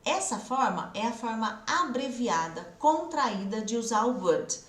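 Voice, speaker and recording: Encouraging Brazilian English teacher, echoey room. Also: female voice, fairly high pitch, big pitch swings. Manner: encouraging, slows down to model English phrases. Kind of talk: online English lesson.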